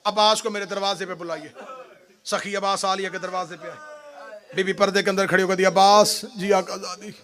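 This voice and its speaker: A man reciting a mourning sermon, swinging from hushed murmurs to high wailing shouts. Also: level tone, fairly quick. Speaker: preacher reciting a majlis.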